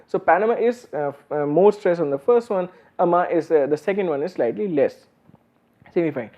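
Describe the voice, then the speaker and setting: Male university lecturer, higher-pitched voice, halting explanatory delivery, slightly dull recording. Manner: many fillers and restarts, explanatory.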